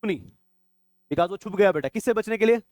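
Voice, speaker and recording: A man's voice: high voice, a little fast, darkish tone, no room sound. A young adult man teaching biology for exam prep, constantly quizzing his students and calling them "beta". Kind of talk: exam-prep classroom lecture.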